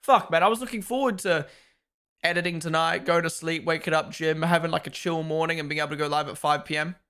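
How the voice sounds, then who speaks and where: A man's voice: fairly high pitch, steady tone, fast talker, bright, forceful tone, clean tone. A man hosting a live watch-along, talking loosely and swearing now and then. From New Zealand. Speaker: live stream host.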